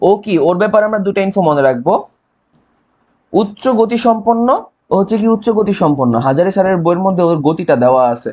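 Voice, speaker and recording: Young male tutor, high voice, Bangladeshi Bengali accent, quiz-style exam-prep delivery, constant check-ins. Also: a little mellow, highs cut off. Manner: quizzing with rhetorical questions and mnemonics; frequent "ঠিক আছে?" check-ins. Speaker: chemistry tutor. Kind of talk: online exam-prep lecture.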